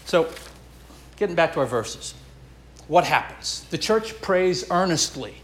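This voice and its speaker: A man's voice: a little high, animated, unhurried, fairly bright tone, reverberant. A man preaching a sermon as pastor, earnest and emphatic, building and dropping his intensity.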